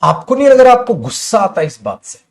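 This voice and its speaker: A man's voice: extremely high pitch, sing-song, brisk, gravelly. A man teaching an English grammar class in Hindi, calling students "beta" and acting out angry scolding examples. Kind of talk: live online grammar class.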